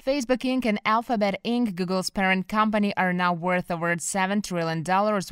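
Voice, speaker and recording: Smooth, dry woman reading market news. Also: medium pitch, no echo. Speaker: news presenter.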